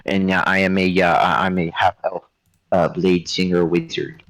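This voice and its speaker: A man's voice: low voice, flat delivery, moderate pace, fairly bright tone, poor audio. A man voicing a nervous, embarrassed male half-elf wizard who stammers and repeats words. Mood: flustered. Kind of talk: tabletop role-play in character.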